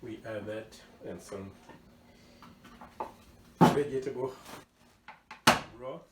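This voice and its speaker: Standing in his home kitchen, this southern Georgia man talks through a recipe as a cooking show host, his Georgia accent drawing words out in a mid-range voice. He often repeats words for emphasis in a casual way. The mic sits far off, so the kitchen sounds echoey and the background is noisy.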